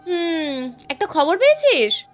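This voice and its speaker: A woman's voice: very high-pitched, sing-song, slow pace, faint music behind, voice pushed up, heavily acted. A woman voicing a teasing, coaxing middle-aged mother.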